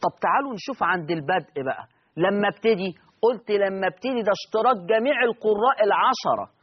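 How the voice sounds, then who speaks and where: A man's voice: high-pitched, animated, fast talker, slightly rough, dull audio. A man with an Egyptian Arabic accent teaching Quran recitation rules step by step, asking his students questions and answering them himself. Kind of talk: recorded lesson.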